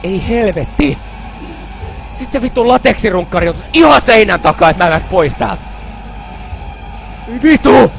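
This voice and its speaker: A man's voice: high voice, lively intonation, vocal fry, a bit bright, soft background music, low-quality recording. A young man playing a horror game, narrating his let's play after drinking beer, swearing a lot and screaming in panic when frightened. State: tipsy from beer. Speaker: gaming video host.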